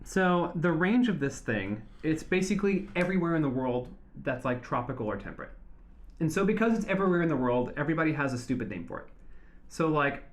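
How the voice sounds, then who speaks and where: A man's voice: fairly high pitch, big pitch swings, brisk. A man on a casual podcast, eagerly explaining animal facts with jokes. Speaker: guest.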